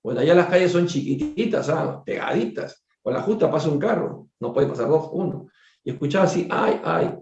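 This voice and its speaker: A doctor telling a case story during a spiritist book study, conversational and digressive, repeating words and turning to his listeners with quick asides. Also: fairly high pitch, a little mellow. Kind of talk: storytelling lecture. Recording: echoey room, dull lo-fi sound.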